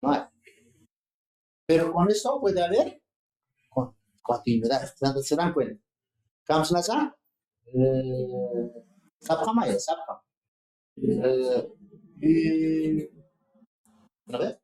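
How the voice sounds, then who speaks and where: A university lecturer teaches a phonetics seminar, moving through the material step by step. The speaker keeps pausing to check in with the students. The voice carries the echo of a classroom. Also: medium pitch, sing-song, darkish tone. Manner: explains slowly, checks in with the class often. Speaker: linguistics lecturer.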